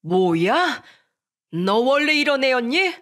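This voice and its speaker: A woman's voice: a little high, normal speed, fairly bright tone, natural voice. Woman doing an indignant working dad. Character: angry working father, middle-aged man.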